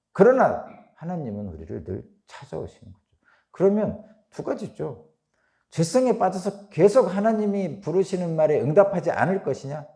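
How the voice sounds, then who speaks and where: A middle-aged man preaching an early morning sermon. He reads scripture aloud and explains it with animated rhetorical questions. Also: mid-range voice, creaky. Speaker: pastor.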